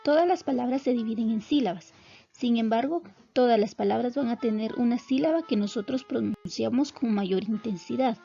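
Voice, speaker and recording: Female teacher, slightly high voice with a gravelly edge, soft music behind, dull lo-fi sound. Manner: clear, measured explanatory delivery. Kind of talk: recorded classroom lesson.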